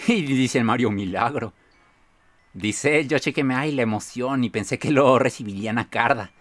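A man with a Mexican accent streaming a game, reading chat aloud and breaking into excited shrieks and laughter. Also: mid-range voice, normal speed, soft background music. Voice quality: bursts into shrieks and squeals of excitement, laughs often.

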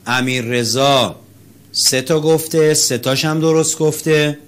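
A male teacher runs an interactive class, calling on students by name and praising their answers. He chants syllables slowly to demonstrate rhythm, his voice a little high and his tone steady.

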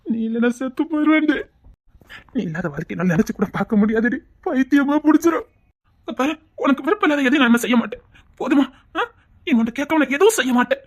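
A woman's voice: high-pitched, expressive, fast. A woman with a Tirunelveli Tamil accent voicing a desperate, devoted husband who stammers out reassurances as he pleads. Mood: pleading, desperate. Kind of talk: tearful melodrama.

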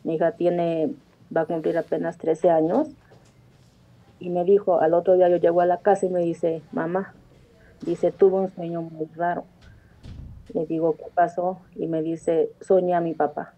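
A woman phones in to a call-in show to earnestly share a personal story, rambling and restarting often. Her voice is mellow and on the low side, with a level tone at normal speed, heard over a tinny phone line.

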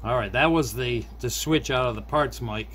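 A middle-aged man with a mid-range, fairly bright voice hosts a hobbyist repair video, demonstrating a hands-on fix at a small indoor desk. He narrates casually and unhurriedly as he works, often muttering half to himself. Faint background noise sits under the recording.

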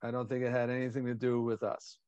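A man's voice: medium pitch, monotone, fast, darkish tone, clean tone, dry recording, lo-fi sound. A man in his fifties speaking guardedly in a casual chat, holding back his opinion.

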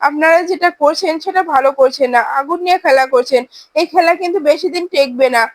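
A woman's voice: sits high, fast talker, no echo, natural voice. A woman voicing a desperate mother locked in a room, pleading and reproaching her captors.

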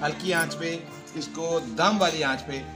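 Cooking on a wood fire out in a village yard, a vlogger in his forties keeps up friendly, unhurried chatter aimed directly at his viewers, his voice fairly high in pitch. The laid-back demonstration is captured on a camera mic carried by a cameraman, with background music underneath.

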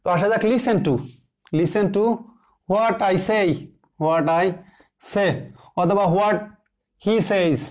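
A man teaching English grammar, slowly repeating example sentences word by word and answering his own questions. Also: high-pitched, a little mellow. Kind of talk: classroom grammar lesson.

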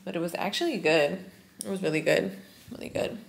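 A woman's voice: lowish voice, expressive, brisk, creaky. A young woman filming a casual hotel room tour on a handheld camera, chatty and gushing, often slipping into a near whisper. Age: young adult. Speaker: vlogger. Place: small tiled hotel bathroom and room. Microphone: handheld camera at arm's length. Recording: echoey tiled room, faint hiss.

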